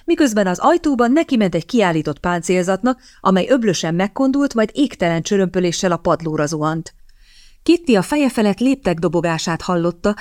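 Brief: woman audiobook narrator, low and even, close dry studio sound. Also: no echo. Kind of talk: scripted narration.

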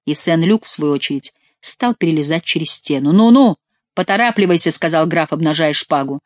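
A woman narrating a novel as an audiobook reader, with a calm, even reading manner. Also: sits low, a little fast, no echo.

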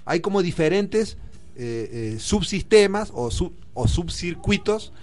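A man's voice: high voice, lively intonation, slow, a little mellow. A man with an Argentine accent, explaining figures in a discussion program and thinking aloud with fillers. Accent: Argentine Spanish.

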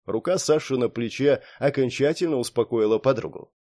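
Man narrating a story in a mellow voice. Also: medium pitch, brisk. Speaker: audiobook narrator. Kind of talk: scripted audiobook narration.

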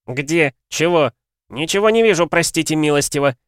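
A man's voice: a little high, steady tone, fairly quick, a bit bright, smooth, dry recording, studio quality, voice pushed up, close to an everyday voice. A man voicing an arrogant, cornered young noble heir who speaks in a haughty, sneering way, hissing through his teeth.

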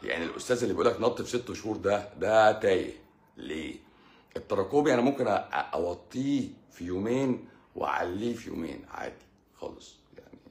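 Low-voiced Egyptian man lecturing viewers. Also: lively intonation, fast, reverberant. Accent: Egyptian Arabic. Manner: lecturing, teasing, blunt. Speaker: doctor hosting a live stream. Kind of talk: live stream answering viewer questions.

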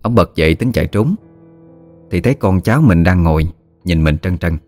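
Deep-voiced man telling a ghost story. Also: animated, moderate pace, a little mellow, faint music behind. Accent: Southern Vietnamese.

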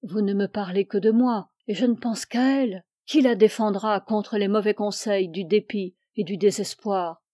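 Une femme qui prête sa voix à un jeune homme tourmenté, partagé entre la foi et un amour coupable, qui implore avec passion. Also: female voice, mid-range voice, moderate pace, few pauses, mellow, no room sound, clean studio sound, lightly acted. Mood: pleading. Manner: pleading, impassioned. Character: anguished young man torn by guilty love.

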